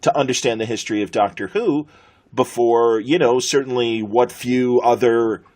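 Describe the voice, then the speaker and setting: Chatting as a podcast host, a middle-aged man from the United States has a husky, slightly mellow mid-range voice and an American accent. His intonation is fairly even, and his speed is normal.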